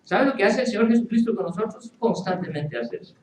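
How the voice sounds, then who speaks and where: Male pastor, animated and playful sermon delivery, heard from a distance in a roomy church. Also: sits high, fast, slight background noise. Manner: animated, playful, acts out quoted voices. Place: church hall with congregation.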